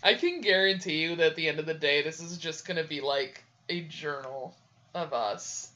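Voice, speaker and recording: A woman's voice: low-pitched, moderate pace, pushed and bright. A young woman co-hosting a casual podcast, giggling and laughing often, on dull lo-fi audio. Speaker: podcast co-host. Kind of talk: casual chat.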